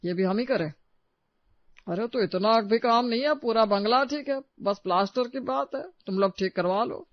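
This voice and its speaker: A bossy old father-in-law from a storybook tale barks orders and waves everyone off, played by a woman narrator. His voice sits high for a man and sounds gruff and dismissive. The recording is dry and a little dull. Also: normal speed, no echo, lightly acted. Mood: grumbling. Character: grumpy, stingy, proud old father-in-law.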